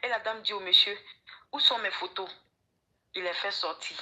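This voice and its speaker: A woman with a bright, sharp voice and an Ivorian French accent speaks as a caller to a radio advice show. She talks politely, often addressing the host as her coach, and her voice comes through a radio call line. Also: medium pitch, normal speed, rough recording.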